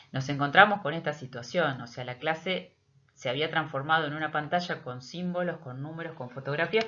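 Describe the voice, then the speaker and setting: A middle-aged Argentine teacher explains a project in a prepared yet hesitant, measured presentation with frequent pauses. Her voice is low and a bit bright. The audio is dull and lo-fi.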